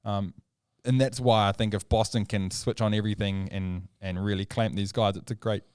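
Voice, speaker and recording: A man's voice: lowish voice, fairly even intonation, normal speed, darkish tone, clear, resonant tone, no echo, clean studio sound. A man co-hosting a casual sports podcast, opinionated and emphatic, pushing his points hard. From New Zealand. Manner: opinionated, emphatic, argues points with rising energy. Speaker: podcast co-host.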